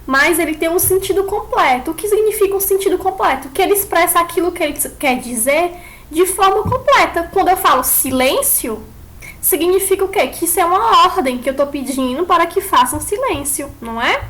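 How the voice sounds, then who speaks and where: A woman with a very high voice teaches an online class. She explains each point step by step and keeps asking her pupils questions as she goes. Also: animated, fairly quick, fairly bright tone.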